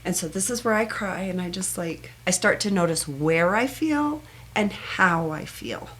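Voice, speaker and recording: A woman teaching a self-help meditation technique in a soft, earnest manner, speaking in short, repeated phrases. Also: on the low side, lively intonation, unhurried. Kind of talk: gentle guided self-help instruction.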